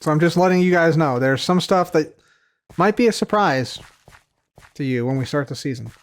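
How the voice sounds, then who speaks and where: A man chats casually on a live stream in a fairly high voice at a moderate pace. He reads out questions from chat and responds in a rambling, repetitive way full of fillers. His voice shows some fatigue from heavy use, and he trails off softly at the close of phrases.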